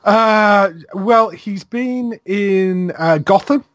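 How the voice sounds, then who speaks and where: A man's voice: high-pitched, drawn-out words, fairly bright tone, no echo. A man in casual chat reviewing a TV series, agreeing often and listing details at length. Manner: affirming with frequent "yeah", lists facts at length. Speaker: podcast co-host.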